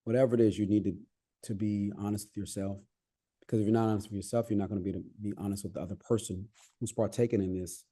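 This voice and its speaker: A podcast guest from the United States with no accent answers interview questions reflectively, offering advice and restarting his sentences often. His voice is lowish and dark, steady in tone, and quick in pace.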